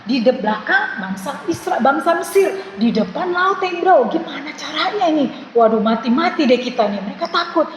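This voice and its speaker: A woman teaching a children's church class, telling a Bible story in a lively, animated storytelling manner. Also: sits high, normal speed, hardly any pauses. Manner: lively storytelling to children, calls herself big sister. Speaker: Sunday school teacher. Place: church hall. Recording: echoey hall with faint room noise.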